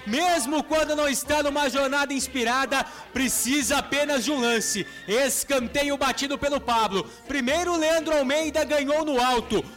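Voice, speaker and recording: A Brazilian man reports on a football match for radio in a very high-pitched voice. He describes each play in detail, with faint music behind him. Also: a bit bright. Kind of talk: fast descriptive match commentary.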